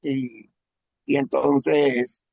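A man from Venezuela telling a personal testimony in a halting, emotional way, often repeating words. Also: mid-range voice, flat delivery, gravelly, darkish tone, dry recording. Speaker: testimony speaker.

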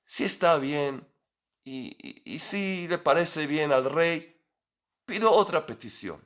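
A man's voice: on the high side, lively intonation, takes it slowly, fairly bright tone. A man voicing a young queen who pleads her case earnestly to the king, in a storytelling lesson. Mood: polite request.

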